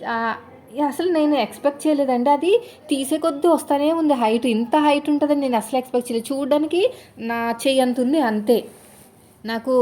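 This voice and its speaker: A woman's voice: high voice, darkish tone. A woman in her thirties from India, talking casually to her viewers while doing chores, chatty and rambling with lots of fillers. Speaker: vlogger, housewife.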